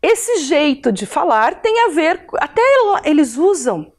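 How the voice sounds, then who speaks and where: A woman's voice: sits high, sing-song, measured pace. A woman teacher with a Brazilian Portuguese accent from Curitiba, giving a recorded video lesson to adult learners in a chatty way, often checking in with her listeners.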